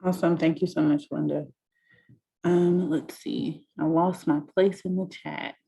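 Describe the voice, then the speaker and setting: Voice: mid-range voice, steady tone, a little slow, vocal fry, dark tone, husky. A moderator of an online workshop reading out questions from the chat in a friendly, filler-heavy way on a video call.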